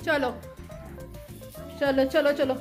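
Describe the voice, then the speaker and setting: A woman's voice: high-pitched, level tone, very slow, music in the background. A woman in her thirties, a mother and vlogger, talking playfully and coaxing her children with laughs. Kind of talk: casual family vlog.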